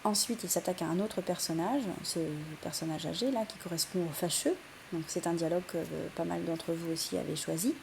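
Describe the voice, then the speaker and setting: Gravelly low-voiced woman teaching literature. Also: fairly even intonation, a little fast, background noise. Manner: explanatory, many fillers and restarts. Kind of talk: recorded lesson for students.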